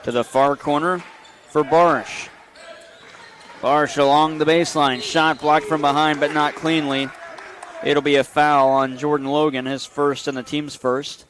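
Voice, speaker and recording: A man giving brisk basketball play-by-play commentary in short bursts, calling each play as it happens. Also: on the high side, little pitch movement, fairly bright tone. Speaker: play-by-play announcer.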